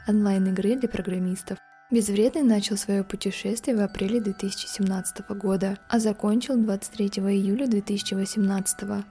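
A woman narrating a scripted true-crime podcast as its host, in a measured storytelling read. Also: mid-range voice, dark tone. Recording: music behind the voice. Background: background music.

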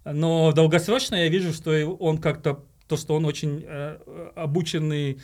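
A man's voice: on the high side, little pitch movement, normal speed, a little mellow. A man from Uzbekistan, a marketing director, talking as a podcast guest and explaining his views at length, often calling his listeners "guys". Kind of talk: casual interview talk.

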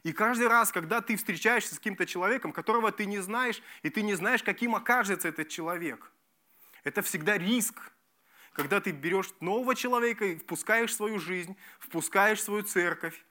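A man preaching a sermon as pastor, emphatic and lively, repeating key phrases and restarting words. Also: sits high, fairly quick. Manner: lively, emphatic preaching with repetitions and self-corrections.

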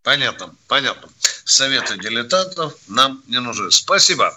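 An older man with a very bright, forceful voice hosts a call-in radio show. He talks briskly and pushes back on callers. His pitch sits in the middle range for a man. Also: very animated.

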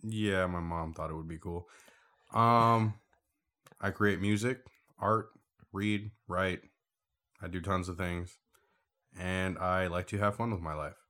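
A man's voice: sits low, fairly even intonation, slow, pauses often, pushed and bright. A man from Puerto Rico, a podcast guest, talking in a dry, teasing, matter-of-fact way. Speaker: guest, host's older brother. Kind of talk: casual podcast chat.

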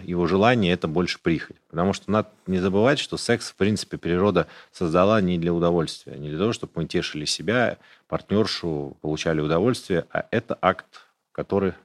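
A man with a very deep, low voice talks through medical details in a relaxed podcast chat. His manner is explanatory and matter-of-fact, plain and unembarrassed. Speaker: urologist guest. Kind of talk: casual podcast conversation.

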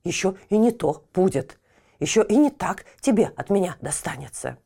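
A woman voicing a devoted, excitable male dog in a children's audio tale, gushing and growling, pitched high. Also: moderate pace, vocal fry, slightly rough, full character voice. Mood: angry.

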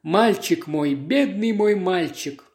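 A reader voicing a gruff old admiral and grieving father, speaking in a shaky, groaning voice. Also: medium pitch, animated, takes it slowly, darkish tone, reverberant.

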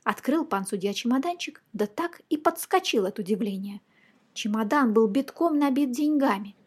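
A woman reading a children's fairy tale aloud in a lively, expressive storytelling manner. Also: a little high, moderate pace, husky.

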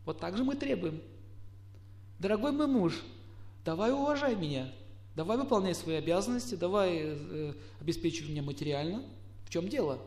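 A middle-aged man giving a lecture, putting questions to his listeners and acting out quoted spouses in lively asides. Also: sits high, brisk. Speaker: astrologer lecturer. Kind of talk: lecture to a live audience.

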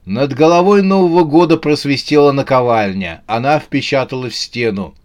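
Male storyteller, playful and lively, middle pitch, audiobook reading. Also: normal speed. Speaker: narrator. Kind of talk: scripted audiobook narration.

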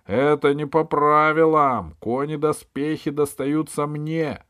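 A man voicing a cheeky boy knight who insists loudly on his rights. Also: mid-range voice, measured pace, clean tone, no room sound, studio quality, voice pushed up, close to an everyday voice. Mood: indignant.

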